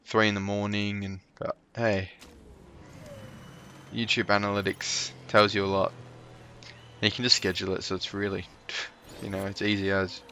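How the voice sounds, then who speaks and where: Male gaming commentator, casual let's-play chatter, lowish pitch, bright tense tone. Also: a little hiss or hum. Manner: chatty, cheers on his drivers, jokey asides. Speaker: gaming YouTuber.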